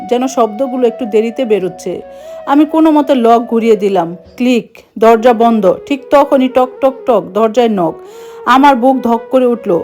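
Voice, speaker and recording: A woman telling a suspenseful first-person story in an even, hushed narrating voice. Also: on the high side.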